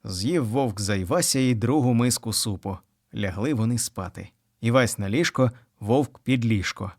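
A man narrating a children's story in a steady storytelling manner. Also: mid-range voice, moderate pace, no room sound, studio quality. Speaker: audiobook narrator.

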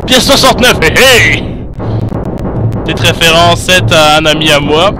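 A man doing panicked let's play commentary, shouting orders at his partner as he plays. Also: on the high side, lively intonation, unhurried. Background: game music.

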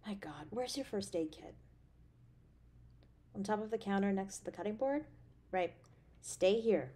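A woman performs the part of a tender, expressive girlfriend, affectionate, playful and caring, in an intimate roleplay audio drama. She takes her time at medium pitch, sounding worried and scolding.

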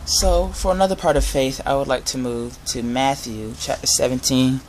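A young adult man giving an informal sermon with Bible readings, speaking earnestly and a little haltingly. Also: mid-range voice, steady tone, slight background noise, rough recording. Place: inside a garage. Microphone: device camera at close range.

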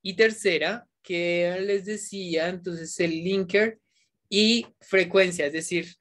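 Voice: medium pitch, steady tone, takes it slowly, a bit bright. An English teacher talking to a class online, mixing Spanish with English, coaxing and encouraging the students, and repeating words for emphasis.

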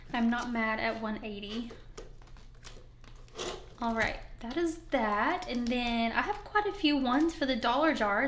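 Her slightly scratchy voice sits a little high, with reverberation from the room around her. Counting cash at a wooden table indoors, she chats upbeat and casual to camera for her budgeting channel.

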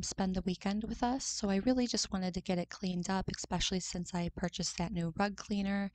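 A woman's voice: mid-range voice, darkish tone, dry recording. A young woman chatting casually in voice-over about cleaning her home. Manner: chatty, easily disgusted, upbeat. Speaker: cleaning vlogger.

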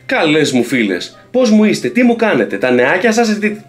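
A man's voice: on the high side, big pitch swings, faint music behind, pitched above the performer's own voice. Bubbly gossip-show presenter, exaggerated singsong read, put on by a man. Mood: chirpy. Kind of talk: mock TV presenting.

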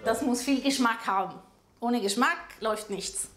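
A woman from Naples in her thirties, speaking German, talks earnestly and passionately about making pasta. Her voice sits a little high. She is in a small, echoey shop kitchen with music underneath. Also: moderate pace, a bit bright. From Naples, Italy. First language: Italian.

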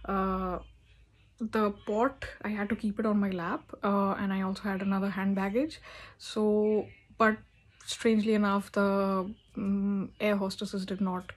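A young woman talking casually into a phone camera at home, explaining plant care with frequent hesitations and fillers. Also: medium pitch. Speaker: plant vlogger. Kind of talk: casual how-to vlog. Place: indoor room at home. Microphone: phone camera at arm's length.

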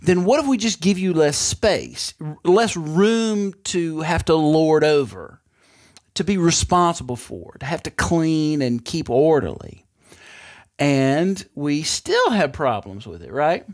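A man's voice: on the high side, expressive, slow. A middle-aged man hosting a casual podcast chat from a bedroom at home, rambling and drifting into tangents. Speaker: podcast host and father.

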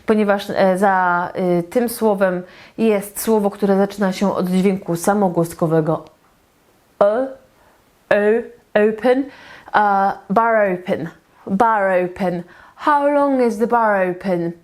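A young woman from Poland leads an English lesson at an unhurried, deliberate pace. Her voice sits at an ordinary middle pitch, and she says each English question several times, clearly and patiently. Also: a little mellow. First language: Polish. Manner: repeats English phrases slowly and clearly, explains in Polish. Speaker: English teacher. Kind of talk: slow bilingual language lesson.

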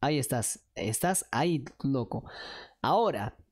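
A woman's voice: a bass voice, animated, a little slow, a little mellow. A woman, streaming and chattily coaxing her viewers to join a chat game. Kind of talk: casual livestream chat hosting a chat game.

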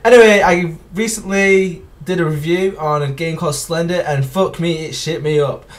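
Guy vlogger, slightly high voice, keeps restarting and cursing, recorded from a distance. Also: steady tone, normal speed. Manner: stumbling, restarts often, swears. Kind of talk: casual vlog intro. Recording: distant from the mic.

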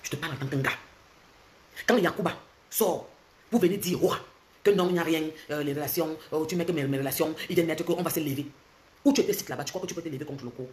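A faint hiss or hum sits under this heated livestream rant. The speaker is a woman in her forties with a Cameroonian French accent, a social media commentator talking into a close-held phone in a bright indoor room. She's fast and confrontational, moving between loud mocking and low, intense lecturing.

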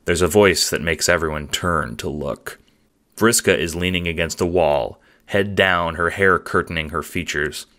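Male narrator with a very low voice for second-person audio drama narration. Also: moderate pace, pushed and bright. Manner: descriptive storytelling.

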